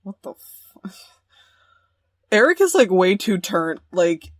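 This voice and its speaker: A young woman hosts a let's play of a romance game, reading the story aloud and cracking slang-filled jokes as she comments. Her medium-pitched voice is sing-song and slow, with no room sound.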